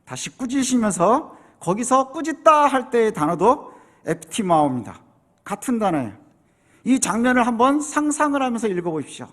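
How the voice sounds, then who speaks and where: A man's voice: very high voice, very animated, moderate pace, fairly bright tone. A man preaching a sermon as pastor, explaining scripture and acting out quoted voices with rising intensity.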